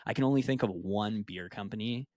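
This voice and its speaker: A young adult man hosts a casual podcast, chatting loosely and leaning on "like" as filler. His voice is on the lower side. The recording is dry and close-miked. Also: brisk, a little mellow, dry recording. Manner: casual, filler-heavy, says "like" constantly. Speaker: podcast host.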